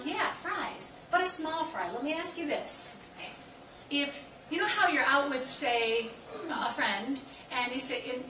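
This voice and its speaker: A woman dietitian giving a lively nutrition talk to staff, counting aloud and quizzing her listeners. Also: a little high. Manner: chatty, counts aloud and asks the audience questions. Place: staff meeting room. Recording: echoey room, from far off, noisy.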